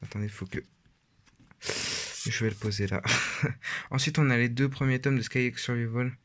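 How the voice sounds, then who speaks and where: Teen boy rambling casually, lots of euhs and restarts, middle pitch. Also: moderate pace, fairly bright tone, a little hiss or hum. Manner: rambling, hesitant with many fillers. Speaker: vlogger. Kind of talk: casual shelf tour.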